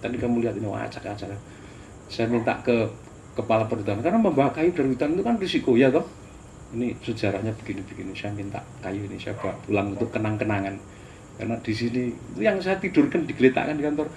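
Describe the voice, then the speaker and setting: A man's voice: mid-range voice, sing-song, quick pace, darkish tone, slight background noise. An older man with a Javanese accent, teaching a sermon-style lecture as a pastor, telling stories animatedly with asides and chuckles. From Indonesia.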